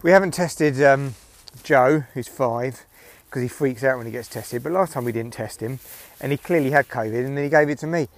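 Out on an evening walk, a British podcaster and comedian of middle age chats to himself in a rambling audio diary, recorded through headphones worn near his neck. His medium-pitched voice moves at a moderate pace with hardly any pauses, and his manner is wry with plenty of swearing.

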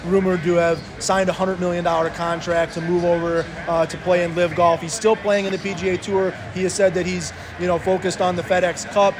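Halting high-voiced man talking sports. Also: flat delivery, crowd noise. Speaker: sports show co-host. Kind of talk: casual sports talk.

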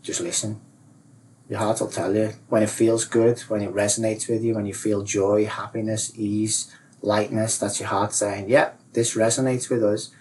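A man explains his ideas in an easygoing chat, peppering his talk with fillers and slipping into higher, louder voices when he quotes his feelings. He sits some way from the mic, and a faint room noise hangs behind him. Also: normal speed, recorded from a distance, rough recording. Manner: animated, acts out inner voices, many "like, you know" fillers. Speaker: guest, self-realisation coach.

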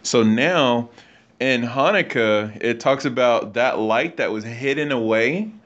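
A man's voice: mid-range voice, slow pace, fairly bright tone. A man hosting a livestream, explaining religious texts in a casual teaching style. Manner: explanatory, reads and comments on texts. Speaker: host. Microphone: internet call/stream. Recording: lo-fi online stream audio.

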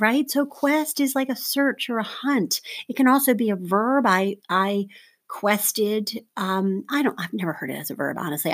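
A woman teaching a recorded vocabulary lesson to seventh graders, chatty, with many ums and everyday example sentences. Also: medium pitch. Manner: frequent ums and asides.

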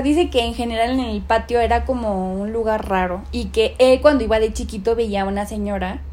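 A young woman, casually telling a ghost story from her childhood, animated and acting out the voices she quotes. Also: a little high. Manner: animated, acts out quoted voices, many fillers.

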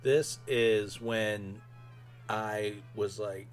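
A man hosts a casual solo fan podcast. His voice sits fairly low, and he talks informally through his opinions. Faint music is behind him. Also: fairly even intonation, drawn-out words. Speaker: podcast host.

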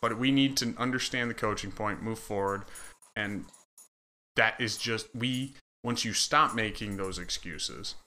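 A man from Michigan talks football coaching on a casual podcast. His voice sits fairly low but sounds bright and forceful. He is earnest and instructive, laying out rules for players. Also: a little slow. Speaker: offensive line coach, podcast co-host.

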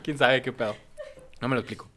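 A young man with a Mexican Spanish accent telling a story in casual podcast chat, animated and slangy, laughing as he goes. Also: mid-range voice, fast talker, a little hiss or hum.

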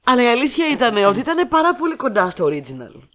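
A woman's voice: fairly high pitch, very animated. Woman podcast host, coughing and sniffly, chatty, stumbles over words as she thinks. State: coughing, blowing her nose. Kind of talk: casual chat reviewing films.

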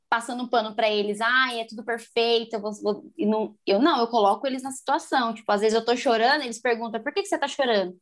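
A woman in her twenties from Brazil talks candidly in a relaxed conversation. Her voice sits a little high. She is animated and slips into quoted dialogue with lively shifts of tone. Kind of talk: casual chat.

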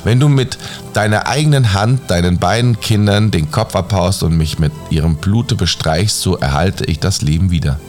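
A man's voice: low voice, normal speed, darkish tone, faint music behind, lightly acted. A man voicing a loyal old servant who pleads earnestly, in a bedtime fairy tale reading. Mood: solemn.

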